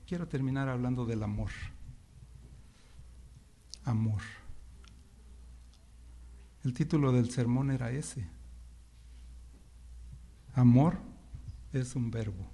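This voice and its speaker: A man's voice: medium pitch, slow pace, long pauses, dark tone, husky. A male pastor delivering an interactive sermon in a church over a microphone, leading the congregation in call-and-response.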